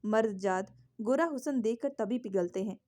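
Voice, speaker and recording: A woman's voice: on the high side, moderate pace, mellow, lightly acted. A woman voicing a bossy, scheming middle-aged mother who scolds her daughter. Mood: scolding.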